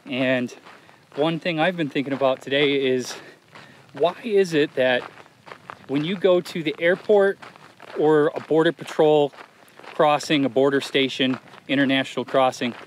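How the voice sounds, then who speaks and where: A man's voice: on the high side, a little slow, slight background noise. A man walking a long desert trail and talking to his camera in an easygoing, rambling, reflective way, with plenty of "uh" and "like". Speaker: solo thru-hiker filming his trip. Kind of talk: casual vlog narration. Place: outdoors in open desert.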